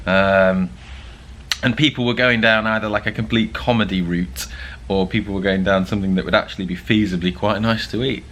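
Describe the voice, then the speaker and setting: A man's voice: deep voice, a bit bright, a little hiss or hum. A young man hosting a casual vlog, chatty and joking with plenty of fillers. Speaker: vlog host. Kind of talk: casual vlog chat to camera.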